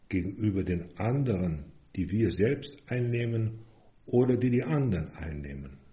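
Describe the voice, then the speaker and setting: Slow, deep-voiced man preaching a sermon. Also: mellow. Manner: measured, earnest preaching. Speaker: priest. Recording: echoey room.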